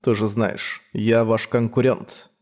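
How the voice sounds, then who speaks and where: Icy young male hunter, read by a man: flat, unhurried, dispassionate. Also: fairly low pitch. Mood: cold. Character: cold detached young male vampire hunter.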